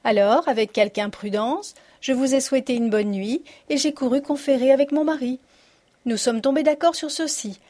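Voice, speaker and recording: A woman's voice: sits high, moderate pace, dark tone. A woman voicing a witty, confident woman reading out her farewell letter in an audiobook. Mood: poised.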